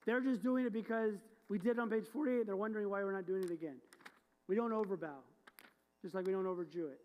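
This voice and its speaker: A woman's voice: medium pitch, quick pace, mellow. A woman rabbi explaining the prayers to her congregation in a playful, joking way, quizzing them as she goes. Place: synagogue sanctuary. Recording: long sanctuary reverb.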